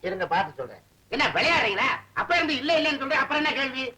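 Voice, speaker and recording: An actor playing a scheming, quick-witted comic man in an old film, talking in fast wheedling banter. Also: extremely high pitch, very animated, bright, forceful tone, exaggerated voice. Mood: teasing. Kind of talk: 1970s Tamil film acting. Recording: noisy old film soundtrack.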